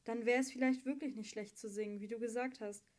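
A woman's voice: fairly high pitch, steady tone, brisk, close to an everyday voice. A woman reading an audiobook, voicing a weakened, chained teenage girl who talks plainly and wryly. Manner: wry and plainspoken. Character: weak, chained teenage girl singer, wry.

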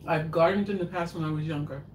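An older woman with a low, darkish voice talks fast in a fairly even tone while hosting a live cooking show from her home kitchen. She chats and rambles casually as she cooks and answers viewer questions. A distant camera in front of the counter picks her up, so the audio is noisy and echoey.

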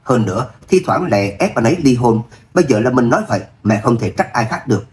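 A man voicing a dutiful young wife who pleads softly with her mother, in an audio novel reading. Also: mid-range voice, expressive, quick pace, a little hiss or hum, lightly acted. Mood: pleading. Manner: soft pleading. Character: gentle dutiful young wife torn between family.

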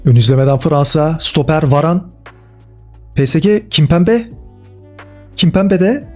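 A man commenting casually and excitedly on football game cards as a gaming video host, with slangy, chummy talk aimed at his viewers. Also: a little high, unhurried. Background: faint background music.

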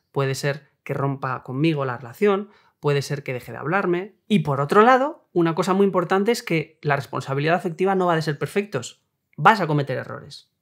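A young adult man, hosting a self-help video and calmly explaining ideas with worked examples. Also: a little high. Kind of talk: explanatory talk on relationships.

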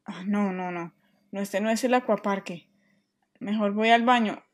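A woman's voice: medium pitch, measured pace, natural voice. A woman voicing a restless, mischievous boy who complains dramatically, in a children's toy play story. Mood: playful.

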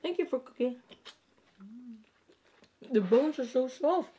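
A woman's voice: sits high, expressive, dark tone, slightly rough. A woman co-hosting a mukbang, talking while eating, affectionate and teasing with her partner. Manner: affectionate, teasing, quick to laugh. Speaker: mukbang co-host. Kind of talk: casual mukbang chat.

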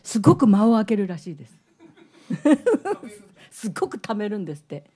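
A woman's voice: mid-range voice, animated, normal speed, dark tone, slightly rough. A woman singer hosting her band's live stream from a small music club, chatting casually between songs, laughing often and teasing her bandmate. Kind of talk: casual onstage banter.

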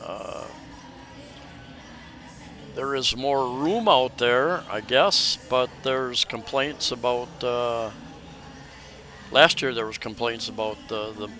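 A man's voice: medium pitch, slow, long pauses, soft background music. A man narrating a casual walking tour outdoors, rambling with many hesitations and restarts, recorded on a camera mic as he walks. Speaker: travel vlogger. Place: outdoors on a crowded city street during a festival. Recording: loud street crowd around.

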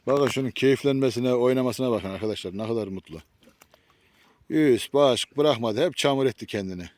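A man's voice: medium pitch, fairly quick, a little mellow, dry recording. Give me a doting man narrating his dogs outdoors. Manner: affectionate, doting, talks to the dogs with pet names. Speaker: vlogger filming his dogs on a nature walk. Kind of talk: casual commentary to viewers. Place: outdoors in nature.

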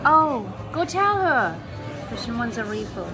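A woman's voice: fairly high pitch, sing-song, unhurried, over music. A woman filming a family vlog on her phone, gushing with enthusiasm about everything around her. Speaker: vlogger and mother. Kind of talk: casual family vlog narration. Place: busy pub restaurant, indoors. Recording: crowd chatter in a busy pub.

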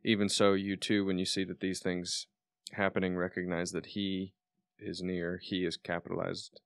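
A man in his twenties co-hosting a podcast, thinking aloud with halting restarts and reading scripture aloud. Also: deep voice, flat delivery, smooth, no echo, studio quality. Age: 20s. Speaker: podcast co-host.

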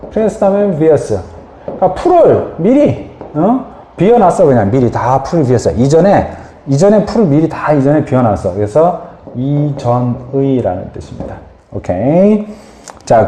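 Guy teaching english words, voice jumps all over, mellow, kinda echoey room. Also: mid-range voice. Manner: lively, asks and answers his own questions. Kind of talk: lecture.

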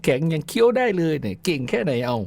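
A man's voice: a little high, very animated, quick pace, creaky, darkish tone. A man hosting a radio show, telling folksy childhood stories in a chatty way and laughing often. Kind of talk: folksy storytelling. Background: faint music.

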